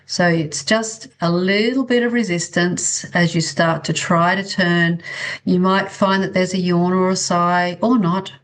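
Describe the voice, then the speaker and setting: Lower-voiced woman leading a gentle exercise class. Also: fairly even intonation, a little slow. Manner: encouraging, checking on participants. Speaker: workshop instructor in bodywork. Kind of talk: guided exercise instruction, informal and conversational. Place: online video-call class.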